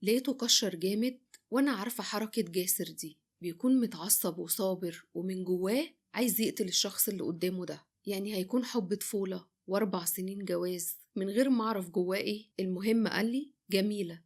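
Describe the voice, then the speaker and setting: Fast-talking Egyptian woman telling a story. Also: mid-range voice. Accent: Egyptian Arabic. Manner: quick, breathless retelling that voices both sides of the dialogue. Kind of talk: first-person story narration.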